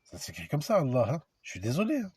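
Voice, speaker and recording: Here a male video lecturer talks fast, his fairly high, husky, darkish voice swooping wildly in pitch with no room sound. In an informal monologue to viewers, he speaks directly to them, emphatic and provocative, spelling out letters and sounds one at a time.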